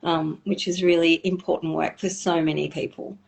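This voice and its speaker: A woman speaking as a guest expert in a live online conversation, thoughtful and measured, slowing down on key points. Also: low-pitched, flat delivery, vocal fry, a little mellow.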